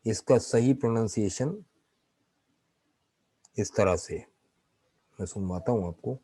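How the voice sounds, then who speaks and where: Slow, low-voiced teacher. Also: male voice, mellow, breathy edge, no room sound, low-quality recording. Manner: explanatory, keeps checking in with students; mixes English terms into his explanations. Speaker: literature teacher. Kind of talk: online class lecture.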